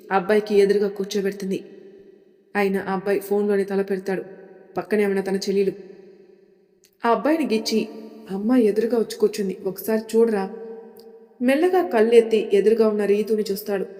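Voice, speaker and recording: A woman calmly reading a family story aloud as storyteller. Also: medium pitch, fast talker, pauses often. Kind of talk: storybook narration. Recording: long hall reverb.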